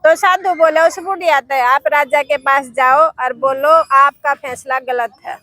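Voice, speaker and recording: A woman's voice: sits high, fairly even intonation, a little slow, bright, forceful tone, no room sound. A woman telling a folk tale aloud in a homely, rustic way. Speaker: storyteller.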